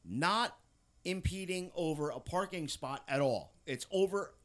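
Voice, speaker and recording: A man with a slightly high voice speaks at a measured pace. He hosts a podcast, hails from Pennsylvania, and tells a work story in a casual, animated way with lots of swearing.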